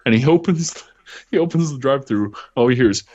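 Animated swearing man telling a story. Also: mid-range voice, fairly quick. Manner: animated, swearing often, laughing through the story. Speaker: podcast host. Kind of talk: casual storytelling chat. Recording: dull lo-fi recording.

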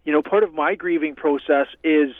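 A man's voice: on the high side, moderate pace, dry recording. Man on a tinny, dry phone line. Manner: easygoing, rambling explanations. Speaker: guest musician and producer. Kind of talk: casual interview chat. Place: home in northern Canada.

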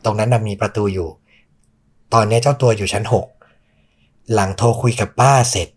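A man's voice: on the low side, brisk, breathy edge. A man hosting a podcast, telling a true ghost story in a suspenseful, conversational way. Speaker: podcast host.

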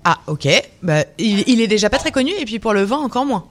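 A woman hosting a casual radio show, introducing her guest and chiming in with quick reactions and halting questions. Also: medium pitch, expressive, a little hiss or hum. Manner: interjects short reactions, stumbles on questions. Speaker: radio host.

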